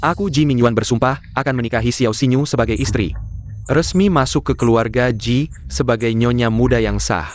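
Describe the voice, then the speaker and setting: A man's voice: mid-range voice, fairly quick, no echo, lightly acted. A man dubbing a scheming rich young heir who sweet-talks his girlfriend and mocks her in his asides. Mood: coaxing. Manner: sweet-talking aloud, scornful in asides. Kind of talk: dubbed drama acting.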